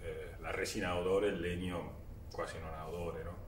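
A man in his forties, a native Spanish speaker with an Argentine accent, talking casually as an interview guest, haltingly searching for words and switching between languages. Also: low-pitched, flat delivery. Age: 40s. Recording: roomy echo, distant mic, faint noise.

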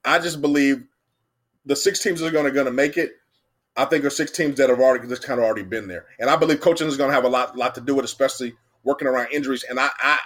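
A man's voice: medium pitch, rapid-fire. A young man co-hosting a sports podcast, rambling and repeating himself as he argues his predictions. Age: young adult. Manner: rambling, repeats himself, animated when arguing. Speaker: podcast co-host. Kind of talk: casual sports debate.

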